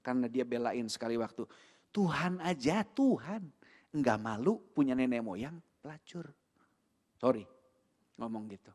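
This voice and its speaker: A man with an Indonesian accent preaching a sermon in a church, animated and full of rhetorical questions, with English words mixed in. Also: medium pitch, moderate pace, long pauses. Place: church hall. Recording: long hall reverb.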